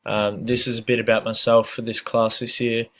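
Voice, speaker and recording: A man's voice: mid-range voice, normal speed. A young man from Australia with an Australian accent, giving a casual, hesitant self-introduction full of fillers. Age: young adult. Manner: relaxed, hesitant with many fillers. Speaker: student.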